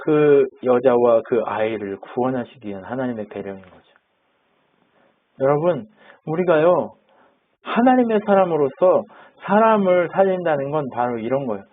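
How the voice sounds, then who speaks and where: A pastor with a mid-range, sing-song voice preaches at a normal speed, chatting with his congregation, asking them questions and acting out the quotes he shares. The audio is narrow-band, like a phone call.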